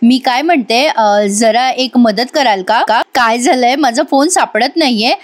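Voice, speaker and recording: A woman's voice: fairly high pitch, a little slow, lightly acted. A woman doing a chatty, touchy young wife. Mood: complaining. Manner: pleading, then scolding her husband. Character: chatty young wife, quick to take offence.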